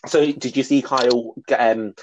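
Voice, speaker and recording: A man's voice: medium pitch, steady tone, measured pace, highs cut off, a little hiss or hum. A man co-hosting a podcast, chatting about reality TV in a gushing, chatty way. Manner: chatty and gushing, with frequent laughs and fillers. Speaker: podcast co-host. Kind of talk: casual chat about reality TV.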